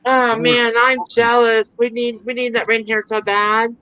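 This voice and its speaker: A woman hosting a casual livestream chat, excitable and chatty, laughing often. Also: fairly high pitch, unhurried, clean tone, dry recording, muffled recording. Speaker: livestream host.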